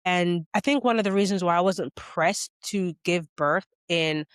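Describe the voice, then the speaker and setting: A Jamaican woman vlogs a casual, chatty explainer to camera, often checking in with "okay?" and "you know." Her fairly low voice moves at a moderate pace and sounds smooth, recorded in studio quality without echo.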